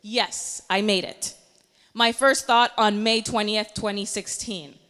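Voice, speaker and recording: Bright woman in a reverberant hall. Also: medium pitch, steady tone, takes it slowly. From Panama. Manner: earnest, motivational. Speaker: meteorologist. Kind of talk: personal story speech.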